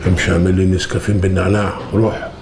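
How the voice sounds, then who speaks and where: Brief: an actor as a cold, threatening Egyptian official, deep voice over heavy score. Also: male voice, level tone, very fast, close to an everyday voice. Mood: menacing. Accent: Egyptian Arabic. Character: menacing male official hunting a missing file. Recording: loud film music underneath. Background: film score music.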